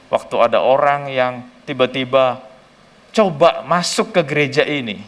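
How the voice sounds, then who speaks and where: A male pastor preaching a sermon in a casual, colloquial way. He tells stories animatedly and acts out dialogue with sudden jumps in pitch. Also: fairly bright tone. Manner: casual colloquial Jakarta-style speech.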